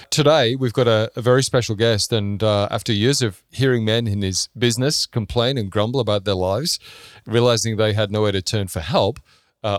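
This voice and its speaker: A man's voice: on the low side, dry recording, clean studio sound. A man co-hosting a podcast, interviewing in an informal, conversational and rambling way. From Ireland or Britain. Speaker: podcast co-host.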